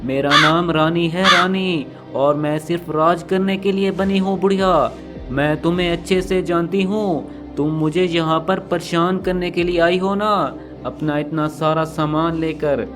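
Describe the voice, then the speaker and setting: A man's voice: sits high, fairly even intonation, unhurried, music in the background. A man voicing a cruel, arrogant young female crow who taunts and bosses her mother-in-law. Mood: scornful. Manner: scornful, bossy and taunting.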